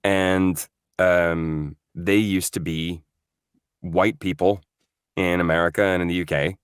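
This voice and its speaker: A man from Norway, appearing as a voice actor guest, has a deep, clear and resonant voice with fairly even intonation and a slow pace. His casual interview chat is thoughtful, riddled with fillers and restarts. It's clean studio sound with no room ambience.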